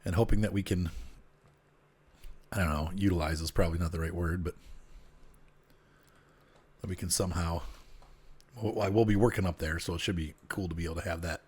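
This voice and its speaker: Here a man with a low, steady voice talks fairly quickly but leaves long pauses, his tone a little mellow and slightly rough. Slightly congested and nasal, he streams a train game from home, chatting casually and muttering to himself into a turned-up desk mic.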